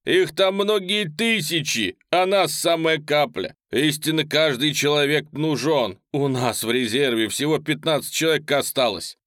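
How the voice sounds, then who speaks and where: A man voicing a wounded elderly Cossack who loudly pleads with the others to take up arms. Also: mid-range voice, expressive, normal speed, few pauses, no room sound, clean studio sound, pitched above the performer's own voice, close to an everyday voice. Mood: rousing. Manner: loud impassioned pleading.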